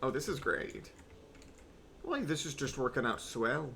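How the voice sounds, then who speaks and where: Wry rambling male streamer, gravelly voice. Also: mid-range voice, very animated, measured pace, pushed and bright, slight background noise. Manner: rambling, wry, swearing asides. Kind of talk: casual gameplay commentary.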